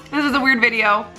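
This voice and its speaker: A woman's voice: a little high, pushed and bright, low-quality recording. Casual woman vlogger, music behind. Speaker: vlog host doing a taste test. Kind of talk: casual chat. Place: living room couch, indoors. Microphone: camera at arm's length.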